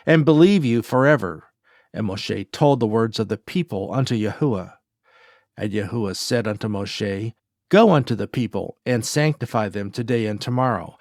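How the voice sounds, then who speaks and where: Male scripture reader, mid pitch, solemn measured delivery, dry close recording. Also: a little mellow, no echo.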